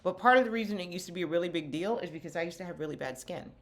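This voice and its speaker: Low-voiced candid middle-aged woman. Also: racing. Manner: candid, chatty, self-deprecating. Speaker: skincare company founder and vlogger. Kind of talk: get-ready-with-me makeup chat.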